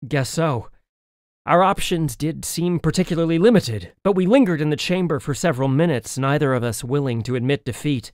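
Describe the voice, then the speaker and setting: Male audiobook narrator, fairly high and very animated, dry studio sound. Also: fairly quick, few pauses, no echo. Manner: expressive, lively storytelling. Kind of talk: first-person audiobook narration.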